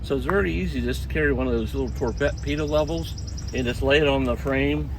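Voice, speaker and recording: A man in his sixties talks outdoors in a folksy, conversational vlog style, giving practical instruction. His voice sits at a medium pitch, and outdoor noise is clearly audible around him. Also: a little fast. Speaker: RV camping vlogger. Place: outdoors beside a parked camper.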